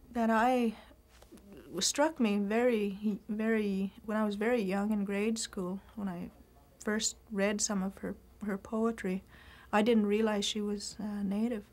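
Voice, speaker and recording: A middle-aged woman giving reflective interview answers, speaking thoughtfully with pauses and restarts, recorded in a library room. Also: medium pitch, fairly even intonation, darkish tone. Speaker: writer and teacher interviewed.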